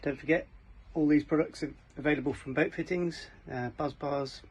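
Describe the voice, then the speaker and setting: On a small cabin motorboat, a man with a slightly high, slightly rough voice, fairly even intonation and moderate pace presents an informal DIY walkthrough for a boat fitting shop's how-to videos. At times he is hesitant and feels for words while working, and the audio is dull, lo-fi camera sound with faint noise.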